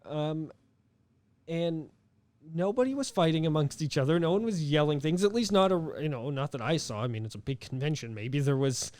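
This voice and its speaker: A man's voice: fairly high pitch, expressive, moderate pace, darkish tone, no echo. A young man co-hosting a podcast in casual chat, rambling with lots of fillers and restarts. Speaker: podcast co-host.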